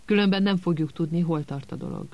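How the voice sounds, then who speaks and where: A man reading a tense teenage boy in an audiobook, hissing his words quietly. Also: fairly high pitch, muffled recording, natural voice. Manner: hushed, hissing.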